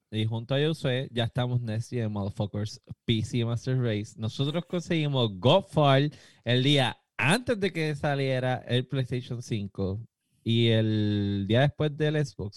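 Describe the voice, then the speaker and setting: A man's voice: mid-range voice, slow pace, no room sound. A man co-hosting a casual gaming chat, laid-back and dropping English words now and then. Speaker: podcast co-host.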